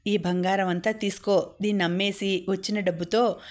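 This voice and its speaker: A woman voicing a gentle, patient middle-aged mother in a storybook reading, speaking softly and pleadingly. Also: medium pitch, fairly even intonation, moderate pace, lightly acted.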